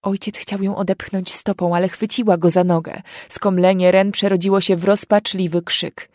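A woman narrating a dark fantasy story in a measured, expressive reading. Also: mid-range voice, dry recording, studio quality. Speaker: audiobook reader.

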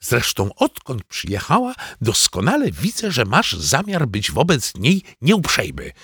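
A man voicing a flustered, defensive mother in a storybook reading, hushing and scolding. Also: mid-range voice, huge pitch swings, measured pace, husky, no room sound, studio quality, exaggerated voice.

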